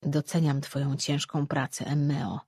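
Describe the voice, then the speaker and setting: An audiobook narrator voicing a quiet, thoughtful male scholar who speaks in low murmurs. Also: flat delivery, unhurried, slightly rough, no room sound, clean studio sound. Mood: uneasy.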